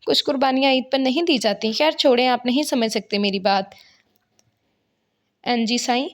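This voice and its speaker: Spoiled, stubborn young bride in a storybook reading, whiny and theatrical; a woman does the voice, a bit high. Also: natural voice. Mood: mock-sad. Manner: whiny and melodramatic. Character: spoiled, stubborn young wife, playfully dramatic.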